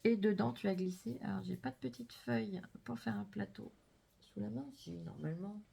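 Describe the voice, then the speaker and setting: A woman vlogger chatting casually and gushing softly as she unboxes crafts, sometimes dropping to a whisper. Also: medium pitch, moderate pace, creaky, slightly rough. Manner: gushing, soft-spoken, drops to whispers. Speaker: scrapbooking vlogger.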